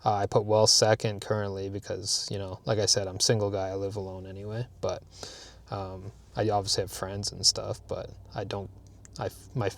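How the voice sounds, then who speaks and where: Sitting in his parked car, a man in his thirties from Canada records a casual talking-head vlog, chatting openly and wandering with frequent fillers and false starts. His voice is on the low side.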